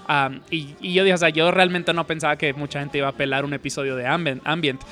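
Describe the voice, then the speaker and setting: A man's voice: fairly high pitch, steady tone, fast talker, bright, forceful tone. Chatty male host mixing in English. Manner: mixes English phrases into Spanish, chatty. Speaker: podcast host. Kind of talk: casual interview chat.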